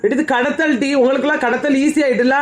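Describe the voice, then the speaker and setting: A woman playing a brash village gossip in a comedy skit, taunting loudly. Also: high-pitched, steady tone, quick pace, over a noisy crowd, close to an everyday voice. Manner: taunting and loud. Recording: noticeable background noise.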